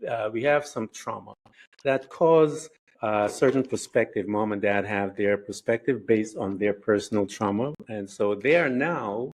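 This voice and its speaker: A man hosting an inspirational podcast interview, earnest and preachy, speaking slowly and deliberately. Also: medium pitch, poor audio. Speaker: podcast host.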